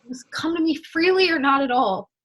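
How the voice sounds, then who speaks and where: A young-adult student actor performs an ardent, impatient lover in a one-act period melodrama, eloquently scolding and pleading with resolute, impassioned declamation. Her voice sits high and is animated, fairly bright and a little fast.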